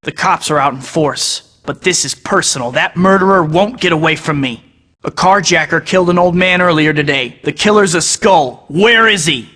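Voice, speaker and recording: A man's voice: fairly high pitch, moderate pace, pushed and bright, in a large hall. A young man playing a quippy, earnest young male superhero, trading sarcastic wisecracks as he fights. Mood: grim determined. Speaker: game character. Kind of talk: game voice clips.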